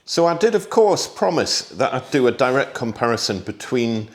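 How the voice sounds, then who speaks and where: A British man hosting a casual gardening vlog, chatty and relaxed, thinking aloud with small asides and talking while he tastes food. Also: mid-range voice, normal speed. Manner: talks while tasting food. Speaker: gardening vlogger.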